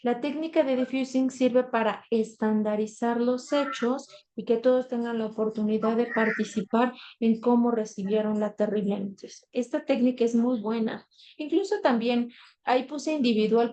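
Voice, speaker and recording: Woman instructor with a slightly high, mellow voice. Explains steadily over a call mic, checking in with her class. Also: low-quality recording. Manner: explanatory, tag questions, frequent fillers. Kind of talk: live online lecture.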